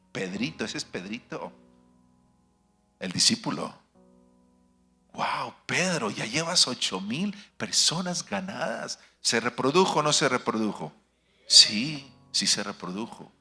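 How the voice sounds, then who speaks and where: A man preaching a sermon as pastor. He fires rhetorical questions at the congregation and swings between loud declarations and hushed asides. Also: medium pitch. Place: church sanctuary.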